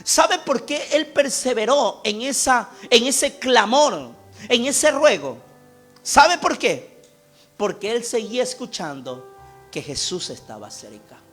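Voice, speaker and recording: High-voiced preaching pastor man. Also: very animated, takes it slowly, faint music behind. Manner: impassioned preaching, swings from loud to hushed. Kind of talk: sermon. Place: church.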